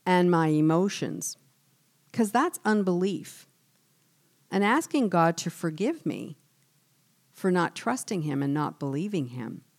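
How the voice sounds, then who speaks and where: A woman giving a devotional church teaching in an earnest, measured way, often dropping softer on key words. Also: on the low side. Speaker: church speaker.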